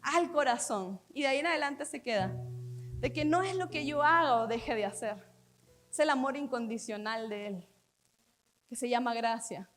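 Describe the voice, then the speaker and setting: A woman pastor preaching a sermon in an earnest way, often letting her phrases fall soft at the end. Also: a little high, normal speed, soft background music.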